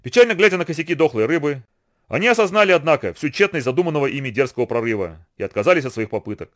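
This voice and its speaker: A man reading a novel aloud in brisk, expressive scripted narration. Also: a little high. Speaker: audiobook reader.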